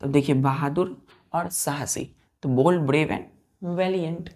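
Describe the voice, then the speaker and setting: Woman, Indian accent, gravelly voice, classroom vocabulary lesson, spells words letter by letter. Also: low-pitched, a little slow, a little mellow. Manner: spells words letter by letter and repeats questions to students. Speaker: English vocabulary teacher.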